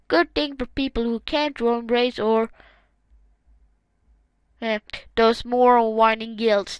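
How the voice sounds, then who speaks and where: High, smooth-voiced woman reading comments. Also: dry recording, poor audio. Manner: casual, wry, sarcastic asides. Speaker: gaming channel host.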